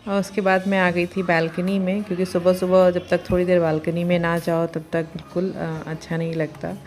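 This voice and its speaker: Chatty low-voiced woman vlogging her day. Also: flat delivery, darkish tone. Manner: chatty, homely, many filler pauses. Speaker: vlogger, mother of two. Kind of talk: casual daily-routine vlog narration.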